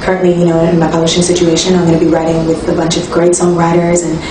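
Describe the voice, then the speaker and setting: A young woman, a singer-songwriter talking casually in an interview, relaxed and reflective with frequent ums and restarts. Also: lowish voice, fast, noisy background. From Toronto, Canada. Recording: echoey room, distant mic, music behind.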